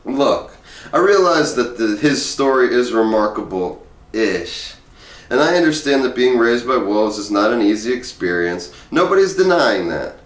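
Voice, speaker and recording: Reading from a book, this host shares a humorous essay in a relaxed, conversational style. He speaks at a measured pace with an animated, medium-pitched voice, sounding distant from the mic in a roomy, echoing space.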